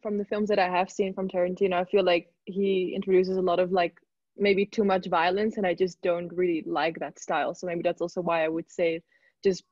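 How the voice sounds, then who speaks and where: A young woman, a student, calmly giving her view in a casual video call chat over earbuds. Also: lowish voice, no room sound. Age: young adult. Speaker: second-year student. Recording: dull dry video call audio.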